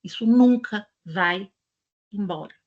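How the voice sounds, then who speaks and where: A woman's voice: mid-range voice, a little mellow, lo-fi sound. Chatty Brazilian woman telling stories. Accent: Brazilian Portuguese. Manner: chatty, digressive, storytelling, quick laughs. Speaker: presenter of an education channel. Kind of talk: casual talk to an audience.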